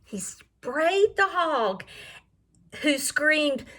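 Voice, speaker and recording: With a high-pitched voice, this woman reads a picture book aloud to young children in a teacher's style. She's expressive and sing-song, breaking off to question them and explain words.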